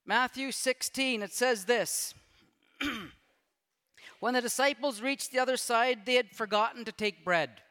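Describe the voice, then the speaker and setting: A man's voice: extremely high pitch, unhurried, pauses often, sharp tone, clear, resonant tone. A man preaching a sermon, reading scripture aloud and breaking off for casual asides to the congregation. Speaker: pastor. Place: church sanctuary. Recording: long church-hall reverb.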